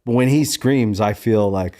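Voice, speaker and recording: A middle-aged man hosting a casual interview, relaxed and sharing his own stories. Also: lowish voice, unhurried. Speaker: podcast host.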